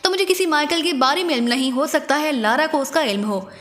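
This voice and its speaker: A woman's voice: high voice, fast, a bit bright. A woman voicing a frightened middle-aged male crime boss who is a doting father and talks in a frantic, pleading way. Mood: confiding. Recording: long reverberant echo.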